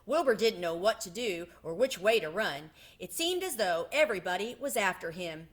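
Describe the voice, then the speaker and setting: A woman with a mid-range voice reads a children's book aloud at a moderate pace, using an expressive storytelling style.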